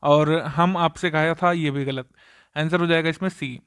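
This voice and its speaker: A male teacher works through exam questions in a patient walkthrough, explaining why each option is right or wrong. His voice is smooth and resonant, sitting slightly higher than most men's. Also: steady tone, measured pace, a bit bright.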